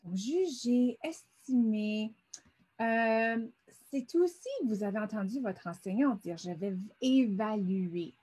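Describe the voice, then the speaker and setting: A woman's voice: on the high side, lively intonation, slow, a little mellow, breathy edge. A middle-aged woman teaching a vocabulary lesson over a screen, patiently sounding words out syllable by syllable.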